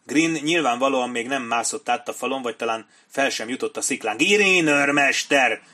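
A man reading a war novel aloud as an audiobook narrator, in steady, measured storytelling. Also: medium pitch.

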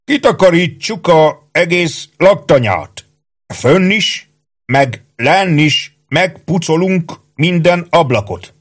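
A man's voice: fairly high pitch, expressive, voice pushed up. A man voicing a bossy, suspicious army sergeant who bellows orders in rustic, slurred speech. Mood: commanding.

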